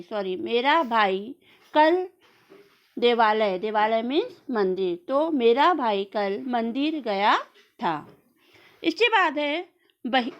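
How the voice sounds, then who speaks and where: During a classroom grammar lesson, a woman teacher with a high-sitting voice asks her students a question and then supplies the answer herself. She repeats words slowly so they can follow.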